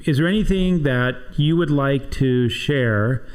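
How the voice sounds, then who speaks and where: A man's voice: medium pitch, unhurried, darkish tone, smooth. A man hosting a podcast interview for a trade association, talking in a chatty, rambling way with many restarts. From Southern California. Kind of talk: casual interview chat.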